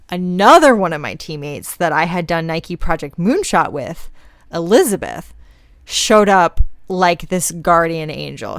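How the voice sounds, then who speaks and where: A woman's voice: fairly low pitch, a bit bright, smooth, no room sound, studio quality. A young woman hosting a podcast, telling a personal story in a casual, chatty way with plenty of "like"s. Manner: casual and chatty, many fillers like "like". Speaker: podcast host.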